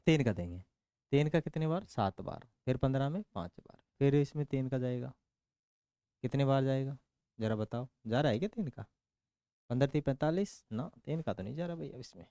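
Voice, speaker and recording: Playful male maths teacher, mellow voice. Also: medium pitch, clean tone, no room sound, clean studio sound. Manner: playful, explains sums through jokey life stories, keeps asking "है ना?"; counts out working steps aloud. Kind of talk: casual classroom-style maths lesson.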